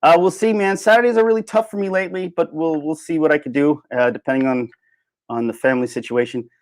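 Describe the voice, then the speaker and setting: On a dry recording with almost no room sound, a fairly high-voiced man hosts a casual, unscripted livestream, reading and answering chat at a quick clip. His intonation stays fairly even as he rambles and repeats phrases for emphasis.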